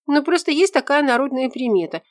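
A capricious young woman, as a female reader puts her on, speaking with indignant emphasis and a raised, lifted pitch. The recording is close and completely dry. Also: animated, fairly quick, no room sound.

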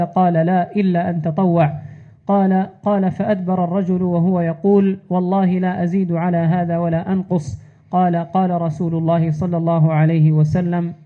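A man with a high voice reads classical religious text in a measured, formal way, holding his pitch flat and even. The sound is tinny and phone-like. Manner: measured formal reading, repeats narration formula. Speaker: student reader. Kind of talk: reading classical hadith text aloud.

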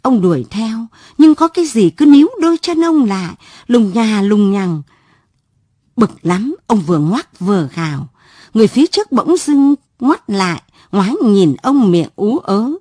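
A woman narrating a late-night radio story in an expressive, dramatic, scripted manner at a studio microphone. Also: medium pitch, measured pace, breathy edge, no echo.

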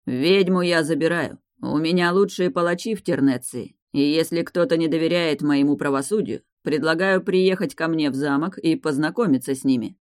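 A woman's voice: deep voice, a little mellow, dry recording, clean studio sound, lightly acted. Lorenzo, a woman voicing a drawling mocking lord. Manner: slow, drawling, coolly ironic. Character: mocking stern male lord on horseback.

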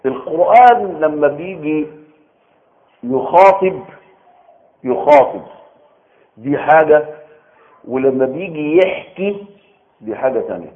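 Egyptian-accented male preacher, slightly high voice, lively call-and-answer lecturing, phone-quality sound. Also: a little slow, pauses often. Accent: Egyptian Arabic. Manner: animated, asks the audience rhetorical questions and answers himself. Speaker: preacher giving Quran commentary. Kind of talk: colloquial religious lecture.

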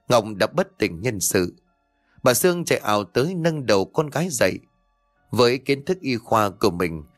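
A man narrating a ghost story in a steady, measured storytelling voice. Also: on the low side, no room sound.

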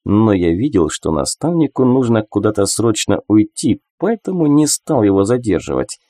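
A man narrating a first-person audiobook in an expressive storytelling manner. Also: lowish voice, moderate pace, dry recording, clean studio sound.

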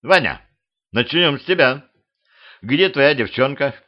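A heavyset male hypnotist who takes charge and barks orders, played by a man reading an audiobook. He sounds loud and commanding. The recording is dull and lo-fi. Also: mid-range voice, expressive, a little slow, pitched above the performer's own voice, natural voice.

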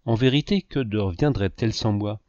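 Scheming self-pitying suitor, voiced by a male reader, insistent, flattering, low voice. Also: moderate pace, no room sound, natural voice. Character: scheming, self-pitying grown man, a would-be seducer. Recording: dull lo-fi dry recording.

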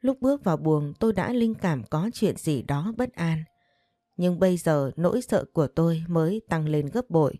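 Mellow, low-voiced woman narrating a story. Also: lively intonation, normal speed, no echo, clean studio sound. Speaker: audiobook narrator.

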